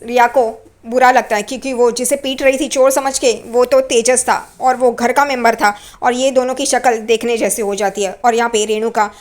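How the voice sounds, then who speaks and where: A woman casually retelling a TV serial episode in an animated, vivid way. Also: fairly high pitch, moderate pace, few pauses. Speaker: TV serial recap narrator. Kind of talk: casual storytelling recap.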